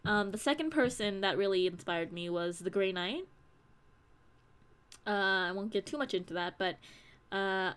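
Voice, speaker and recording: A young woman streaming live, chatting casually and reading her chat aloud in a bubbly, rambling, giggly way. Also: medium pitch. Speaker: audio creator streaming live.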